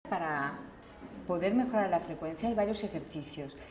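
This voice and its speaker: Low-pitched woman coach, roomy sound. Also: normal speed, over loud music. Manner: calm, instructive, gives step-by-step exercises. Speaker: communication coach. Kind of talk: documentary interview explanation. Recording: roomy interview with faint ambience.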